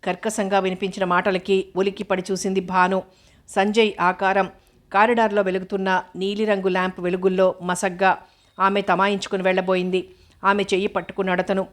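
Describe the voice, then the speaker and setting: A woman narrates a novel in a measured, steady reading voice. Her pitch is mid and barely moves, keeping an even, flat line. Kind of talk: scripted audiobook narration.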